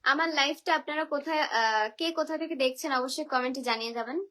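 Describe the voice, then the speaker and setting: A woman's voice: sits high, brisk, pushed and bright. A woman from the Barisal region of Bangladesh on a phone livestream, reading out viewers' names and answering their comments with teasing, chatty replies. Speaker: live streamer. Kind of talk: reading viewer comments on a live video call.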